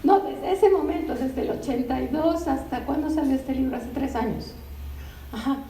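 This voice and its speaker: An older woman, a literary translator giving an animated, conversational talk and often turning to the audience with asides. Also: sits high, normal speed. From Mexico. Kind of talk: anecdotal public talk. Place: bookstore event room. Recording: roomy, distant, faint ambient noise.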